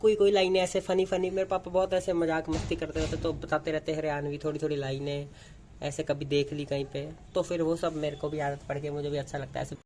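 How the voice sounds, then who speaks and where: A man's voice: fairly high pitch, flat delivery, brisk, a little mellow, a little hiss or hum, low-quality recording. A young man from Punjab, a dance content creator talking through a casual daily vlog in a chatty, rambling, playful way. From Punjab, India. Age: young adult.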